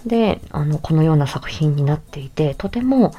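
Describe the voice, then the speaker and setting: Presenting her own work alone, a voice actor speaks at normal speed in a low, mellow voice with a dark, relaxed tone. Her manner is polite and reflective, like a casual chat with her audience.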